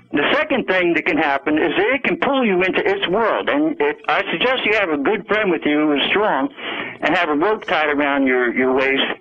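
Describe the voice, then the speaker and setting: Radio call-in man on a dull phone line, high voice, long-winded and insistent. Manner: long-winded, insistent, talks over the host. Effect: phone line call-in audio. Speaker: caller to a radio show. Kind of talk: rambling call-in monologue. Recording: muffled phone-line audio.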